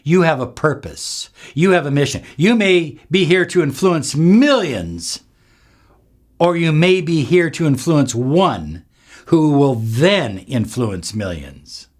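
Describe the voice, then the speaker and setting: A man's voice: a little high, very animated, slow. A man speaking as a spiritual self-help coach, giving an emphatic motivational talk straight to viewers and repeating phrases for effect.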